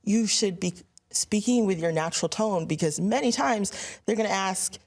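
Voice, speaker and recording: A woman's voice: mid-range voice, normal speed. A young adult woman, a voice actor, talking about her work in an interview and briefly acting out the lines she quotes. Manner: animated, acts out quoted lines. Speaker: voice actor guest. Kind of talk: conversational interview.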